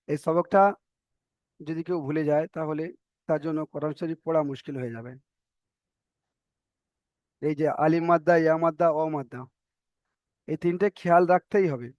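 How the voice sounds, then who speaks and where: A man teaching a recorded class on reading the Quran, spelling out letters one by one and stretching vowel sounds slowly, patient and repetitive as he checks that students follow. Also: fairly high pitch, darkish tone, no echo, dull audio. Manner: patient, repeats each example and checks understanding.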